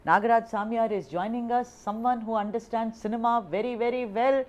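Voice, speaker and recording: A woman anchors a live news discussion. She talks conversationally and leans on her key points, in a middle-pitched voice. She readily interjects to steer the exchange. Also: fairly even intonation, fairly quick, a little mellow, lo-fi sound.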